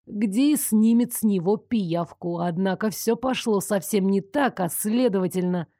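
A woman's voice: mid-range voice, measured pace, dark tone, no room sound, studio quality, close to an everyday voice. A woman reading the part of a brash, teasing young investigator who grumbles when crossed, in an audiobook. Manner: drawling, sulky grumbling.

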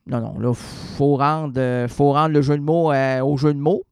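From a radio studio, a male host reads poetry and rambles, interrupting himself with jokes, word play, and sudden bursts of singing. His mid-range voice is smooth and darkish, fairly even and unhurried, recorded dry at studio quality.

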